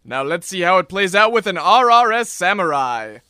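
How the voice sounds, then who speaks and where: In a spoof infomercial from a radio comedy, a man gives a booming, hard-sell salesman pitch in an exaggerated announcer voice. His delivery is sing-song, bright and forceful at a normal speed, and the recording is clean with no echo.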